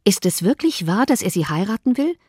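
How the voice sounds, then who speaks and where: A woman voicing a quick-witted young woman in an audiobook, pressing and earnest. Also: medium pitch, very animated, darkish tone, breathy edge, no room sound, studio quality. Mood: urgent. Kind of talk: audiobook reading.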